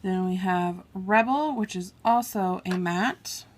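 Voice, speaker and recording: A woman beauty vlogger, her voice on the low side, takes it slowly as she chats casually about a makeup haul. She swatches shades on her arm and says sorry for mispronouncing names, while a tabletop camera films her hands.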